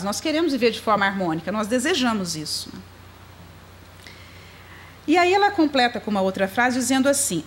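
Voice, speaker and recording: A Brazilian woman lectures at a spiritist center, her fairly high voice swinging widely in pitch. She speaks straight to her listeners and keeps checking in with short tag questions. A faint hiss sits under the recording. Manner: asks rhetorical questions with frequent tag questions; speaks to listeners directly, inviting them to observe.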